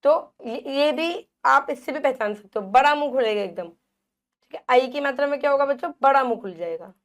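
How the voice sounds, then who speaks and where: A woman's voice: high voice, expressive, a little fast. A woman teacher giving a Hindi phonics lesson to young children, repeating words and stretching the vowel sounds, asking questions and answering them herself.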